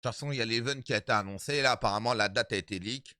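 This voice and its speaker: A man of thirty-five chatting casually with his stream viewers, animated and repetitive, calling them his brothers. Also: medium pitch, racing, no room sound, studio quality. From Italian background. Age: 30s.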